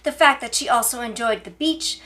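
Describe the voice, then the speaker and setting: A woman's voice: a little high, a little fast, bright, forceful tone. A woman reading scripted mock news as a parody news anchor, with formal, emphatic delivery.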